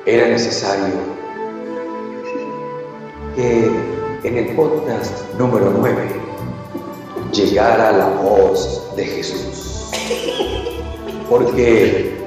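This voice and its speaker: Solemn preaching Jesus, put on by a man, slow and low, with a big echo effect. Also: over music. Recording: heavy echo effect, long reverb.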